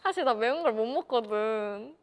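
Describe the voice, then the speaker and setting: Animated young woman, fairly high voice, chatting. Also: moderate pace. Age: young adult. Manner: encouraging, leads the conversation. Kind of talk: casual chat.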